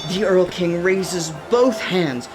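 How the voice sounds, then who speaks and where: Taking it slowly, a narrator with a fairly low-pitched voice describes the action in a scripted radio play. Background music plays beneath her reading.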